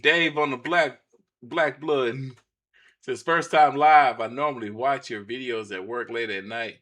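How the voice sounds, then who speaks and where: A man's voice: medium pitch, a little slow, fairly bright tone. A man livestreaming casual, slangy, incredulous reactions to videos, often repeating his phrases. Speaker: live streamer reacting to videos. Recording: music playing behind the voice.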